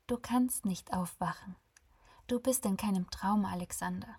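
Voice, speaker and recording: Woman doing a warm, teasing guide of the dead. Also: mid-range voice, moderate pace, husky, dry recording. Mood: calm warm. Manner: warm, friendly, softly teasing. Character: gentle ferrywoman of the dead, calm, warm with sarcastic bite.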